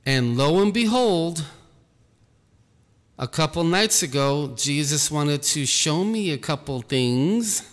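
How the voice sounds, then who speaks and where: A man giving an earnest personal testimony about his ministry, talking slowly and repeating himself. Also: a little high, animated, in a large hall. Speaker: ministry leader.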